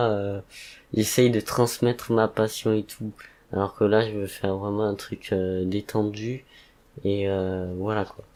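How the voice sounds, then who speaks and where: A man with a slightly rusty voice, giving a relaxed, hesitant, rambling monologue in a calm, subdued way. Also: on the low side. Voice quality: rusty, slightly rough tired voice. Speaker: content creator hosting a podcast-style update. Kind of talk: casual, relaxed evening monologue.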